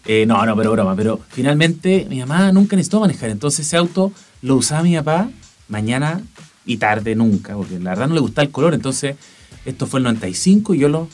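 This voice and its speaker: A man's voice: mid-range voice, sing-song, quick pace, darkish tone, soft background music. A man in his forties with a Chilean accent, co-hosting a podcast and telling anecdotes in casual chat. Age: 40s. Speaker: podcast co-host.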